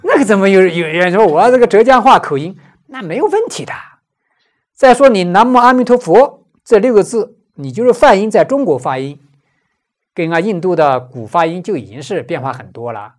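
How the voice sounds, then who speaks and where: A woman's voice: mid-range voice, expressive, a little fast, a little mellow. A woman giving a Buddhist scripture commentary lecture, explaining patiently and posing rhetorical questions she answers herself.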